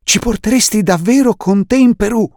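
A man's voice: sits high, a little slow, creaky, dry recording, clean studio sound, voice pushed up, heavily acted. A man voicing an eager, bookish teenage boy in an audiobook reading. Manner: eager, excited.

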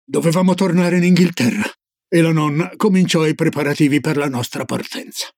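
Male storybook reader, measured narration, slightly high, rough husky edge. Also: a little mellow, dry recording, clean studio sound. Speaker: audiobook reader. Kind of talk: scripted narration.

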